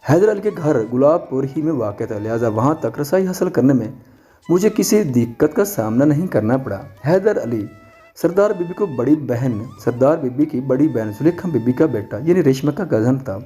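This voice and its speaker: A man reading a first-person detective story aloud in a steady, measured way. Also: medium pitch, faint music behind. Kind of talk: scripted first-person narration.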